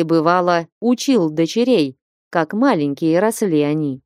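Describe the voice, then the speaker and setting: Woman reading an audiobook, slow and measured, dry close sound. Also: medium pitch, a little mellow, no room sound. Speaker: narrator. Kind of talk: audiobook narration.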